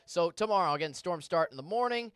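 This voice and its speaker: A man giving a TV weather forecast in a conversational, energetic way, stressing key words. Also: sits high, fast, clean tone, no echo, clean studio sound. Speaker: TV meteorologist. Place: TV studio.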